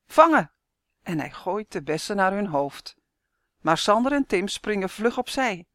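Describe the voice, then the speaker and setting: A woman author reading her own children's story aloud in a clear, expressive storytelling manner. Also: mid-range voice, normal speed, no echo, clean studio sound.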